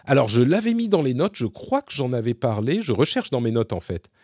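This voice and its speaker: A middle-aged man hosting a podcast, answering listener questions in a casual, hesitant way, often pausing and correcting himself. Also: medium pitch, sing-song, a little mellow, slightly rough, no echo, studio quality. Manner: hesitant, thinks aloud, self-correcting. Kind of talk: casual Q&A monologue.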